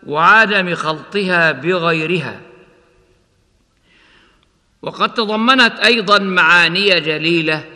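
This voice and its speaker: A man teaching recitation rules. He explains each rule and then chants the example words slowly and melodically. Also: a little high, sharp tone, in a large hall. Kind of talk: tajweed lesson with recited examples.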